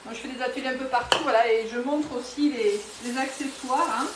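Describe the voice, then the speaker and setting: A woman's voice: high-pitched, steady tone, fairly quick, background noise. Chatty southwestern French woman, roomy kitchen. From southwest France, near Toulouse. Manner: chatty, enthusiastic, many fillers and restarts. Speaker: home cooking demonstrator on a live stream. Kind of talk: live cooking demo with viewer greetings. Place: home kitchen. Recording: roomy, a bit distant from the mic.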